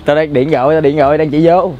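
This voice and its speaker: A young man with a Southern Vietnamese accent hosting a prank vlog, bantering and teasing rapidly while outdoors on a street. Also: a little high, steady tone, highs cut off. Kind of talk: casual prank commentary. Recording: noisy outdoor street recording.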